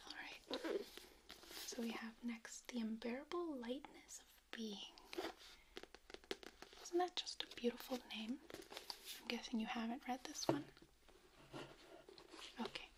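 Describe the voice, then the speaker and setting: A woman speaking in a hushed library whisper, doing a whispered role-play as a friendly, chatty librarian. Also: a little high, slow, pauses often, rough recording. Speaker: ASMR performer playing a librarian. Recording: clear background noise, handling clicks.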